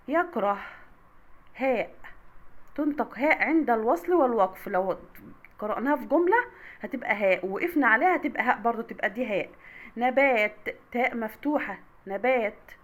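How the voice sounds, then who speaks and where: Egyptian female schoolteacher, fairly high voice, slow patient drilling of words for kids. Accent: Egyptian Arabic. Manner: patient, sounds words out slowly, calls pupils sweethearts. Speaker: primary school Arabic teacher. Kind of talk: review lesson for children.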